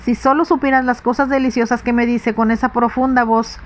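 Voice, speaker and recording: A woman voicing a petulant, self-indulgent young stepmother in a soft, whispered role-play audiobook reading. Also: fairly high pitch, flat delivery, brisk, lightly acted. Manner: childish, dreamy and self-indulgent. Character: petulant pleasure-loving young stepmother, lady.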